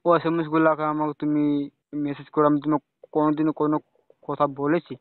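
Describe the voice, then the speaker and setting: Speaking quickly in a slightly high voice with a completely flat delivery, a young man calls his romantic partner privately and keeps things casual, often adding quick questioning tags. The lo-fi phone audio is dull, with no echo.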